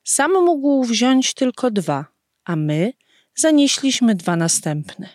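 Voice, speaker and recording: A woman reading a story aloud slowly and expressively, giving the characters' lines their own voices. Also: on the high side, sing-song, darkish tone, no echo, studio quality. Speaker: narrator.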